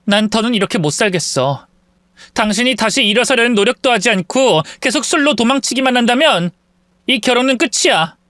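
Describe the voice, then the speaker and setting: A fed-up wife and mother scolds with indignant fury, as a man puts her on. Her voice sits high and rises and falls sharply. The recording is dry and close. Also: very animated, normal speed, pauses often, a bit bright, no echo, exaggerated voice. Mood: desperate. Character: furious, exhausted young mother and wife.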